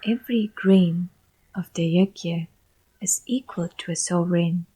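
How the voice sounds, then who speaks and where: A woman giving a live interpreter voice, translating a sermon phrase by phrase in short measured lines with pauses, her voice breathy and at times whispery. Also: on the low side, dark tone, low-quality recording.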